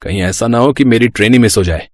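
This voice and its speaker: An easygoing young husband from a moral storybook, coaxing and casual, voiced by a man. His voice sits at an ordinary middle pitch. The recording is dry and close. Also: quick pace, no room sound, natural voice. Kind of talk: storybook voice acting.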